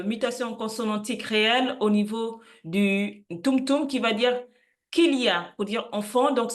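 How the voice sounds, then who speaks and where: A woman presenting an educational explainer, listing words slowly and carefully, with frequent hesitations. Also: mid-range voice. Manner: unsure of pronunciation in languages she does not speak. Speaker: channel host presenting word roots.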